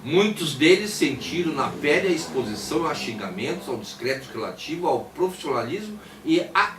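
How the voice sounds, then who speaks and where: A man's voice: a little high, fairly bright tone. A Brazilian man reading a prepared text aloud in a formal manner, stumbling at times and voicing punctuation as if dictating. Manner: formal, stumbles and rereads words; voices quotation marks aloud like dictation. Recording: echoey, distant mic, faint background noise.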